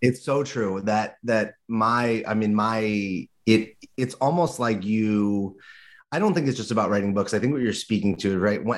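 Chatty low-voiced male co-host. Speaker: podcast co-host. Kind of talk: casual interview talk.

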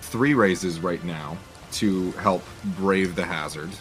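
A man's voice: sits low, slow, a bit bright, soft background music. A man playing a tabletop game, eagerly asking about the rules and describing his moves. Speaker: player. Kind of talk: casual tabletop play.

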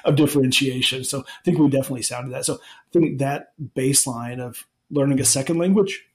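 This is a podcast's regular host, an Alabama man in his forties, now on the receiving end of the questions in a laid-back interview conversation. He talks a little fast in a mid-range voice, rambling along with plenty of ums, frequent restarts and easy laughter.

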